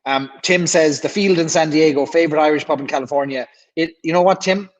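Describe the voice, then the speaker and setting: A man's voice: a little high, a little fast, rough recording. A man hosting a casual livestream, chatting at ease and reading out viewer questions. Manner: relaxed, reads viewer questions aloud. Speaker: livestream host.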